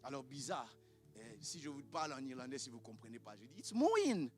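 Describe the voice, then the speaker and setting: A man, a native Lingala speaker, preaching an impassioned sermon as pastor in a church, often rising to shouts. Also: mid-range voice, fast, soft background music.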